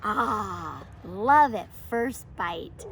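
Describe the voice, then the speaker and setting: Speaking extremely slowly, a homeschool teacher hosts a picture book read-aloud and lesson for young children. Her emphatic, storybook-like voice moves around in pitch in a lively way, with faint ambient noise in the background.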